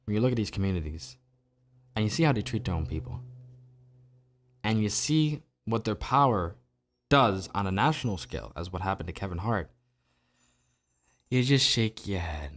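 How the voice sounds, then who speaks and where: A low-pitched man from New Jersey carries a one-man political commentary podcast. He talks in a sarcastic, opinionated way and throws out rhetorical questions at his listeners. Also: animated, brisk, long pauses. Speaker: podcast host. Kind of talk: solo political commentary monologue.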